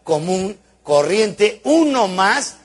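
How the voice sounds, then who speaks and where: A man gives a motivational talk to a live audience in a somewhat high, husky voice. He tells stories theatrically and with humor, acting out voices and sounds. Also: sing-song, drawn-out words. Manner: theatrical, joking storyteller who acts out voices and sounds. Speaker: motivational speaker.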